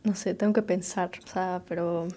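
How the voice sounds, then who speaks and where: A woman's voice: on the low side, fairly even intonation, moderate pace, mellow. A woman from Mexico, co-hosting a casual radio chat and enthusiastically gushing over recommendations, often trailing off as she searches for words. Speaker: radio show co-host.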